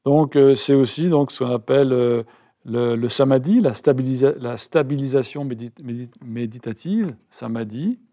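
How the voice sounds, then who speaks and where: A man's voice: medium pitch, moderate pace, dark tone. A man interpreting a meditation teaching live, hesitant, with many fillers and self-corrections.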